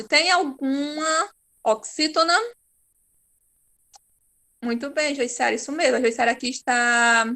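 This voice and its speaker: A woman's voice: high voice, vocal fry, bright, forceful tone. A Brazilian woman teaching an online class, patient and encouraging, praising her pupils by name. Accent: Brazilian Portuguese.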